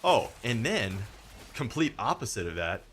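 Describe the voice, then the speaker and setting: A man's voice: mid-range voice, very animated, moderate pace, fairly bright tone, a little hiss or hum. A young man hosting a gaming stream, telling rambling stories in casual chat and acting out the voices of the people he quotes. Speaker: streamer host.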